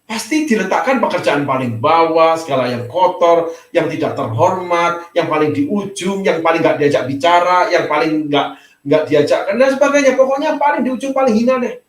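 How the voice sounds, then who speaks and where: A male pastor with a high voice gives a chatty, story-driven sermon. He keeps turning to speak straight to the congregation. The sound is roomy and echoey, picked up from some distance away. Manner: conversational storytelling preaching, often addressing the congregation as "saudaraku". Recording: echoey room, mic at a distance.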